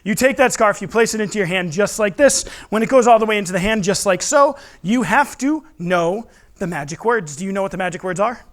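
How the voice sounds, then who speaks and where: A stage magician performs live in a room for an audience that responds, teaching tricks with playful kids party patter. He teases the crowd and asks them questions. His voice is high-pitched, animated and fairly quick.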